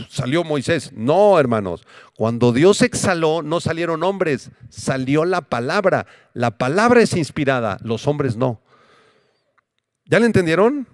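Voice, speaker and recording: A man preaching a Bible-teaching sermon as pastor, asking rhetorical questions and answering them himself, and slowing down to repeat key words. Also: fairly high pitch, no room sound, studio quality. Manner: emphatic, repeats key words slowly for note-taking.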